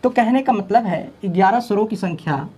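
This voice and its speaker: A man's voice: high voice, lively intonation, moderate pace, dark tone, husky. Brief: male tutor for an exam-prep lesson, repetitive drilling style, poses questions then answers them himself. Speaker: teacher.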